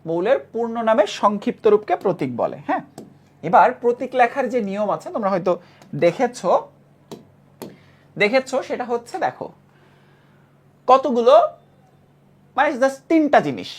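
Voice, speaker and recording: A woman's voice: on the high side, big pitch swings, moderate pace, pauses often. A woman teaching a chemistry lesson who repeats key terms and keeps checking that students follow. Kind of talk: classroom lecture.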